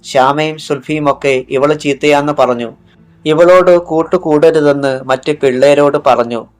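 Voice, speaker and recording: A man's voice: fairly high pitch, fairly even intonation, a little slow, natural voice. A man voicing a kind, loyal young schoolgirl in an audiobook, speaking earnestly and comfortingly.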